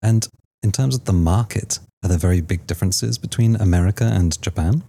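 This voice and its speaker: Gravelly, husky podcast host. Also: low voice, a little fast, warm tone. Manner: eager, encouraging interjections. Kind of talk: interviewing a guest.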